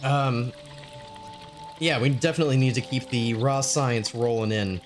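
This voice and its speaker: Man, game commentary, unhurried, mid-pitched voice, thinking out loud, music in the background. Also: steady tone. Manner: rambling, thinks aloud with many pauses. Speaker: let's play host. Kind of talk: casual gameplay commentary.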